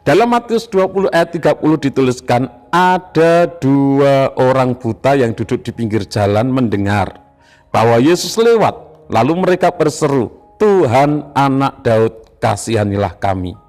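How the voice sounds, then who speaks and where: A man with an Indonesian accent preaching an evening devotional sermon, slow and emphatic, repeating phrases. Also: mid-range voice, expressive, a little mellow, soft background music. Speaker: pastor.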